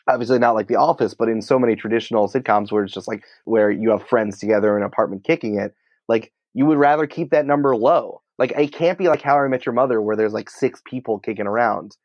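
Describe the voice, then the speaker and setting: An American man, a podcast producer and writer, is an interview guest answering questions informally and emphatically, peppering his talk with "like". His medium-pitched voice is recorded lo-fi with no room sound.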